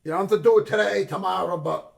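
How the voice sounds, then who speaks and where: Man, gravelly fry, slightly high; insistent and repetitive, casual barbershop banter. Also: fast talker, crowd noise. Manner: insistent, repeats warnings, swears freely. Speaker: regular on a barbershop talk show. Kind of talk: casual chat.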